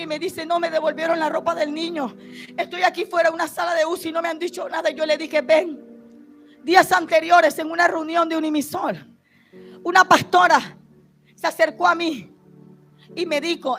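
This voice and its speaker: A woman preacher with a very high voice delivers her testimony on a church stage. She swings between fervent shouting and slow, hushed passages. Faint music plays behind her. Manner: impassioned, shouting at peaks, dropping soft and slow. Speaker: prophet, preacher. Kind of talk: testimony sermon.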